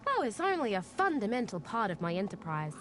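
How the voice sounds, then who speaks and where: A brash, animated young junk dealer. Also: female voice, medium pitch, brisk, faint music behind. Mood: sardonic, wary. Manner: sarcastic, cheeky, slangy. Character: brash, cagey young female junk dealer and tech tinkerer. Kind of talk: video game voice acting.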